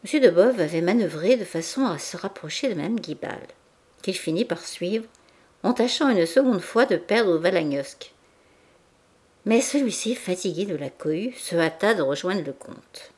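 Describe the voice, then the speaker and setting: A woman narrating a classic novel as an audiobook in a measured, even literary reading. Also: fairly low pitch, husky. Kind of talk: scripted narration.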